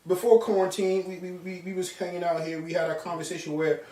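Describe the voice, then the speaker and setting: A man's voice: high-pitched, level tone, fast, mellow. A man from Congo, a podcast guest, talking in a hyped, slangy way and repeating himself in casual chat. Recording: roomy echo, mic at a distance.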